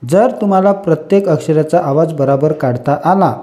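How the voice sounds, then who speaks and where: A man's voice: fairly high pitch, normal speed, mellow. A man teaching English phonics to beginners, asking questions and then answering them himself. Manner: repetitive call-and-response teaching, asks and answers own questions. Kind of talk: slow phonics lesson for beginners.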